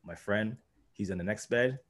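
A man's voice: fairly low pitch, normal speed. A young man, a guest, telling a story casually and filling his talk with "like" and "you know". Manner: rambling, heavy use of "like" and "you know".

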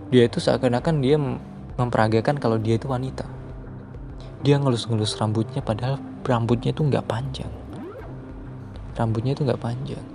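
A man telling a true horror story in casual chat, rambling and repeating himself, dropping his voice on the eerie parts. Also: mid-range voice.

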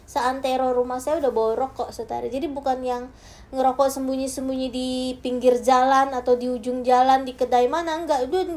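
A high-voiced woman preacher shares a personal testimony in her sermon, addressing the congregation directly. She alternates between hushed, gentle passages and loud, emphatic ones.

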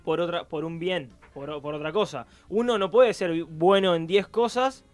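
A man, arguing deliberately in a radio panel debate. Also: high voice, faint music behind.

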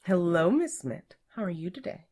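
A cheeky young man at the office, voiced by a woman narrating a story. He answers politely but mock-innocently, in a low voice. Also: big pitch swings, moderate pace, a little mellow, breathy edge.

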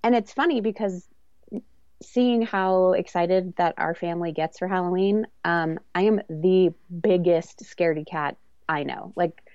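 Lowish-voiced, chatty woman as podcast guest. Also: a little slow, darkish tone, no echo, lo-fi sound. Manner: chatty, self-deprecating, giggly. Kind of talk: casual chat.

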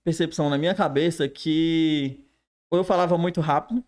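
A teacher talks quickly and pokes fun at himself in casual podcast chat. His voice sits a little high. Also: fairly even intonation, a little mellow. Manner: fast-talking, self-deprecating. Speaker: teacher and new online creator.

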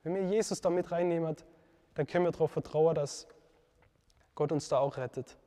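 A man's dark-toned, slightly high voice carries a devotional teaching talk, heavy with a long reverb. He speaks earnestly and reflectively, stopping for fillers and correcting himself along the way.

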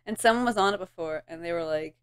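A woman's voice: fairly low pitch, fast, smooth. A woman co-hosting a podcast in casual chat, giggly and rambling, filling her talk with "like" and trailing off. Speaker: podcast co-host.

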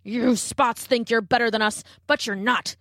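A woman voicing a gruff, blustering wildebeest in a storybook. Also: on the high side, steady tone, normal speed, fairly bright tone, no room sound, studio quality. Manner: grunting, blustering.

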